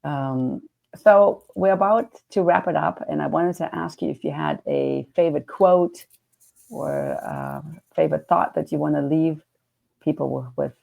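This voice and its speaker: A woman's voice: sits low, unhurried, creaky, a little mellow. A woman with a German accent hosting a casual interview, chatty and often restarting her sentences. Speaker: podcast host and coach.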